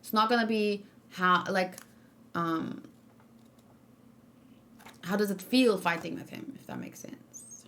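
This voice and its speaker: This woman streamer has a mid-range, slightly bright voice, speaks slowly and pauses often. Reacting to a game trailer, she rambles casually, restarting and correcting herself with plenty of ums over faint background music.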